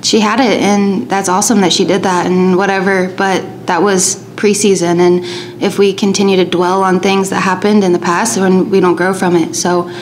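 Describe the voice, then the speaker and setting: A young woman college pitcher answering questions at a press conference, casual and loose, with lots of filler words, into a table mic. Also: little pitch movement, moderate pace, hardly any pauses, slight background noise. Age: young adult.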